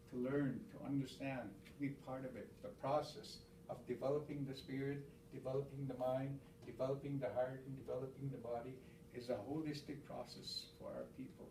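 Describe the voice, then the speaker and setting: A male elder with a stoney way of speaking gives informal spoken teaching in a mellow, mid-range voice, repeating words, counting aloud, and restarting haltingly. He was recorded from far off in a faintly noisy room, and the sound is reverberant.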